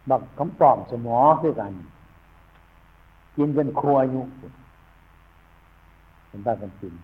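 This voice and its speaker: Husky Isan monk on a tinny line. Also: male voice, medium pitch, takes it slowly. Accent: Isan Thai. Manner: rambling, folksy, frequent thinking hums. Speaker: Buddhist monk teaching new monks. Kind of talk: informal Dhamma talk. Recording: tinny phone-like recording.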